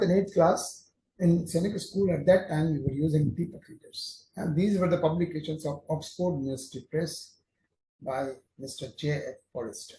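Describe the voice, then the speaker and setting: An older man with an Indian English accent, whose first language is Hindi or Urdu, recalls his teaching days in a reflective talk, measured and explanatory with frequent restarts. His voice is a little high with a dark tone. He is indoors in an office, captured mid-shot by a camera on a desk in an echoey room with faint hiss.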